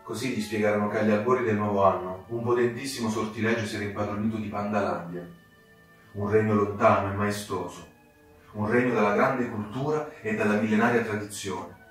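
A man narrating a fairy tale for children with expressive, dramatic delivery. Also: lowish voice. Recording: very echoey room, distant mic, soft music.

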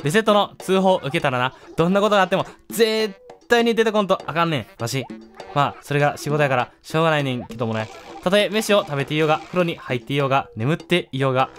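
A man playing a gruff scolding mole in Kansai dialect. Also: a little high, a bit bright. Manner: gruff, scolding, exasperated lecturing. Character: grumpy scolding male mole, short-tempered lecturer. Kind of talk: reading game dialogue aloud in character.

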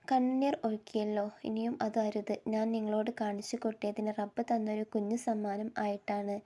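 A woman voicing a dying young woman who speaks softly and pleadingly to her family. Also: mid-range voice, flat delivery, normal speed, close to an everyday voice.

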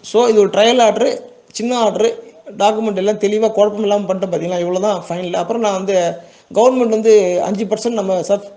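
This man speaks with a high, warm voice and a Tamil Nadu accent. He runs an export business and is walking listeners through an informal, step-by-step tutorial. He keeps it conversational, checks in with his audience, and repeats words for emphasis.

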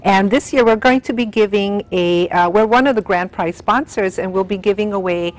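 Middle-aged woman guest, eager and upbeat, slightly halting, studio lapel mic. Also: mid-range voice. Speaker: tea room owner, guest. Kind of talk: promotional TV interview. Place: TV studio set.

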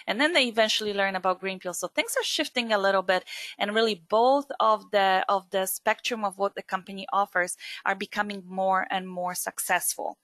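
Bright-voiced woman from Poland presenting. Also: mid-range voice, no room sound. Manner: chatty, many fillers and asides. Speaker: skincare distributor presenter. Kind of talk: webinar presentation.

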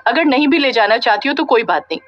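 A woman narrator voicing Ananya, a sulky young woman who complains in quick huffy bursts. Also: fairly high pitch, lively intonation. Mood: sulky irritated. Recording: dull lo-fi audio with faint music.

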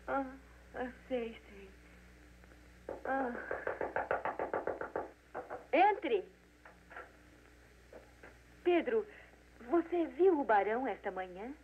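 An actress dubbing an anxious, suspicious baroness in an old film, stammering and hesitant. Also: female voice, a little high, animated, drawn-out words, long pauses. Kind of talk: 1940s Brazilian Portuguese film dub. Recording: tinny old film dub with hiss.

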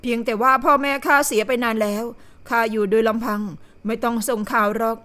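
A woman's voice: a little high, steady tone, a little fast, close to an everyday voice. Woman voicing a wary young healer. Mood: polite. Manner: quiet, hesitant speech.

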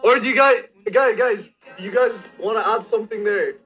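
A man's voice: high voice, moderate pace, a bit bright, faint music behind. Man hosting an upbeat livestream chat. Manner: upbeat, chatty, restarts sentences. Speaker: host.

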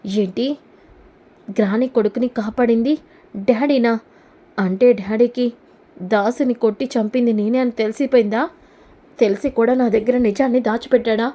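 Anxious scheming young woman muttering to herself , read by a woman with a mellow tone. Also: on the high side, steady tone, moderate pace, pauses often, natural voice. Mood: shocked.

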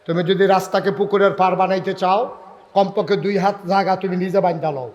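A man from Bangladesh, preaching a fiery Islamic sermon, often shouting and firing rhetorical questions at the crowd. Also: high-pitched, steady tone, fairly quick, muffled recording.

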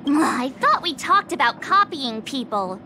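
A bubbly young heroine. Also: female voice, sits high, big pitch swings, bright, forceful tone, slight background noise, heavily acted. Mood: excited. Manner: bubbly and playful, quick to tease. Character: cheerful, eager young woman adventurer. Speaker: game character. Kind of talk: video game voice acting.

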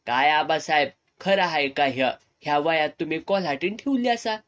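A village headman played by a male narrator barks out sharp, interrogating questions. The voice sits slightly high. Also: normal speed, dull audio, close to an everyday voice. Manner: snapping, interrogating.

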